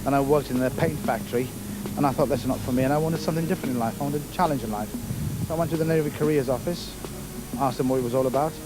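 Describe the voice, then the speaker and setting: Middle-aged man from kenya, navy officer, unhurried hesitant talk, mid pitch, music playing behind. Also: rough recording. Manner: unhurried, hesitant with many fillers. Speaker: navy chief petty officer, interviewee. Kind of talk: casual interview answers.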